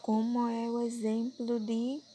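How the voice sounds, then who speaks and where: Taking it slowly in a level, fairly high voice, a primary school teacher with a Brazilian Portuguese accent records a grammar lesson. She patiently repeats points and checks whether her pupils are following, while the background is noisy.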